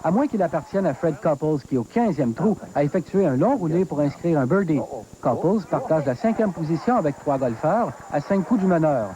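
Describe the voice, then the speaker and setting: A man's voice: on the high side, expressive, a little fast, rough recording. A man with a Quebec French accent reading scripted golf commentary as a sports reporter.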